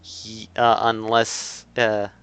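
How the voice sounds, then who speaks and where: Bright-voiced man rambling over a game. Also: fairly low pitch, monotone, slow, faint music behind. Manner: rambling, many filler "uh"s and restarts. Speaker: streamer. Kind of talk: casual live-stream game commentary.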